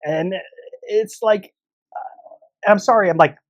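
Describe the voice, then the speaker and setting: A man's voice: high voice, takes it slowly, no echo, lo-fi sound. A man co-hosting a casual podcast chat, talking in an opinionated way and laughing often. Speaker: podcast co-host.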